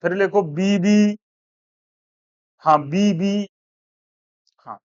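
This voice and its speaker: A high-voiced male teacher from India gives a slow spelling dictation, repeating each word. The sound is dry and a little dull. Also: steady tone, clear, resonant tone, dry recording. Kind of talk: classroom dictation. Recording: dull, dry classroom recording.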